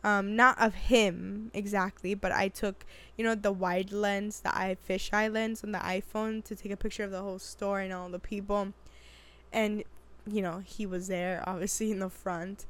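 A woman's voice: mid-range voice, normal speed. A woman in her twenties telling a story in casual chat, acting out what people said and laughing often. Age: 20s. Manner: animated storytelling, acts out quotes, laughs often. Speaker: vlogger.

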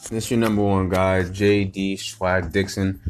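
A man delivering a heated, unscripted motivational rant. He swears constantly, repeats himself and restarts his sentences, and builds to loud, emphatic bursts. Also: sits low, flat delivery, a little slow, clean tone, faint music behind. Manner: profane, repetitive and rambling, with frequent restarts. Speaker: motivational vlogger.

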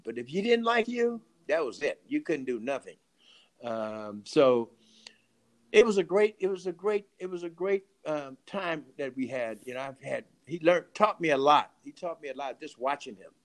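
Gravelly older man telling rambling stories. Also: a little high, animated, normal speed. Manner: rambling, laughs often, repeats phrases. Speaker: author and poet. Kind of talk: casual storytelling interview.

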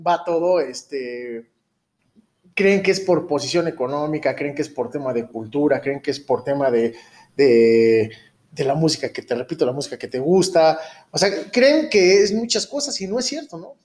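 High-voiced Mexican man chatting in street slang. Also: animated, normal speed, a little mellow. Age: 30s. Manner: rambling, keeps seeking agreement with tag questions. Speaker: podcast host. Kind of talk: casual street-slang chat.

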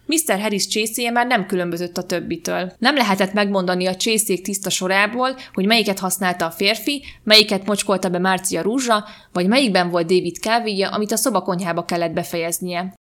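A woman podcast host reading a short story aloud in a calm, even storytelling manner. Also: mid-range voice, hardly any pauses. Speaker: podcast reader.

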